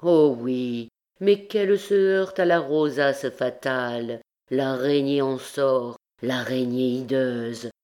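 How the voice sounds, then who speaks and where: Woman reader playing a brooding, fatalistic male priest, slow and intense, audiobook. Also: very deep voice, steady tone, darkish tone. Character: brooding haunted male archdeacon.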